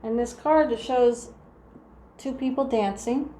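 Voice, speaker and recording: A woman with a New Jersey accent talks through a tarot reading in a mellow, dark-toned voice. She meanders with frequent restarts and fillers. The room is echoey, with a faint ambient hum behind her. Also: fairly high pitch, slow. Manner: soft, meandering, full of restarts and "like". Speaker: tarot reader. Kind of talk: casual tarot reading to camera.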